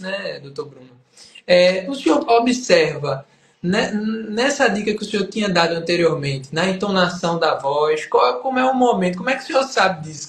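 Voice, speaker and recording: A man's voice: high voice, fairly bright tone. A man hosting an interview, affirming the guest and asking follow-up questions. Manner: affirming, asks follow-ups. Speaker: podcast host. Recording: roomy echo.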